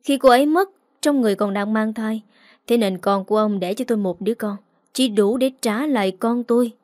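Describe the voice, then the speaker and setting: A woman's voice: a little high, fairly quick, darkish tone, no echo, clean studio sound, natural voice. A woman voicing a cold, proud wealthy young man who speaks curtly. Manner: curt, cold.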